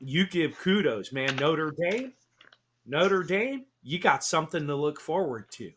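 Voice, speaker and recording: A man co-hosting a casual sports talk radio show, excitable and swearing, often repeating himself. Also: fairly high pitch, measured pace, slight background noise.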